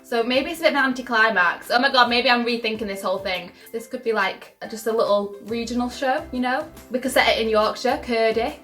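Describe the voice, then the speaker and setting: A bubbly young woman, chatting to her viewers in a casual vlog. Her voice is bright and fairly high, with faint music playing softly beneath it. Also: brisk, hardly any pauses. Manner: bubbly and gushing, many "like" fillers. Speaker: vlogger. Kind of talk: casual chat to camera.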